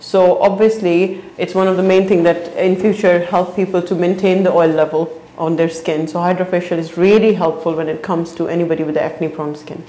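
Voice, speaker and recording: A woman in her thirties, a clinic practitioner, explaining a facial treatment to camera on a lapel mic in a bright clinic room. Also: fairly low pitch, steady tone, normal speed, hardly any pauses, roomy sound, poor audio. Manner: fluent, explanatory, fond of "basically".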